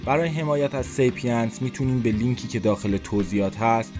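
A man's voice: medium pitch, over music. Man narrating a tense first-person story. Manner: tense, introspective inner monologue, slow and dazed at times. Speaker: writer and narrator of the podcast.

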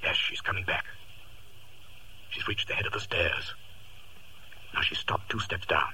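Shrewd detective, bossy clipped delivery, bright voice, old radio play with some hiss. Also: male voice, mid-range voice, sing-song, fast. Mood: hushed, watchful. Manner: clipped, authoritative, deductive. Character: shrewd, commanding gentleman detective. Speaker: radio actor. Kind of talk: 1940s radio acting. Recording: noisy 1940s radio recording.

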